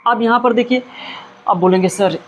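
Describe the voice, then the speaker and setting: A man's voice: high-pitched, animated, normal speed, muffled recording, a little hiss or hum. A male teacher giving a grammar lesson, who asks his students questions and then answers them himself, repeating key words for emphasis. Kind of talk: classroom-style grammar lesson.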